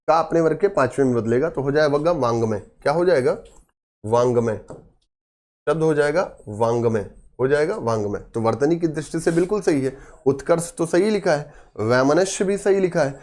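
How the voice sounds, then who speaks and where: A man's voice: a little high, lively intonation, normal speed, darkish tone. A man teaching an exam-prep grammar class, pressing each point home. He quizzes his listeners and then answers himself, repeating the key words for emphasis. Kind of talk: Hindi grammar lesson.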